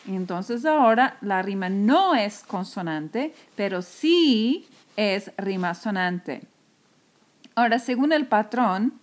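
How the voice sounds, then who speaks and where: A woman teacher, patiently explaining a lesson in a recorded screencast and repeating key terms slowly. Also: fairly high pitch.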